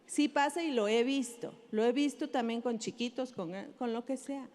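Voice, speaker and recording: A woman's voice: fairly high pitch, normal speed, a little mellow. A woman pastor preaching to parents in a conversational way, acting out parents and children. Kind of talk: sermon to parents. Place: large auditorium. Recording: live hall reverb.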